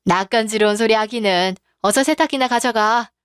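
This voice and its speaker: A woman's voice: a little high, moderate pace, smooth, dry recording, studio quality, close to an everyday voice. A woman voicing a generous middle-aged aunt who talks in a breezy, teasing way.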